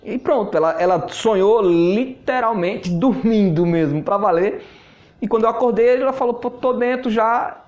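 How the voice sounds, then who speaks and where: A man's voice: high voice, lively intonation, normal speed, darkish tone, highs cut off. A man, a network marketing mentor telling a story in a casual, chatty way, often laughing and repeating words. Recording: echoey room.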